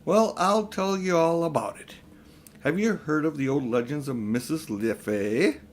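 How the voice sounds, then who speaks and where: A man's voice: a little high, measured pace, a little hiss or hum, natural voice. A man voicing a pompous, scheming old uncle, a self-important magician with a grandiose, condescending way of talking. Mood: smug, confiding. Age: older.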